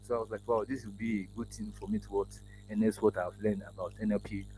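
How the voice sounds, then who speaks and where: In a casual video-call interview, a Yoruba-native AI engineer guest speaks from an indoor office in a mellow, lowish voice with flat delivery. He is halting, restarting often and using many fillers, and his laptop mic produces noisy audio.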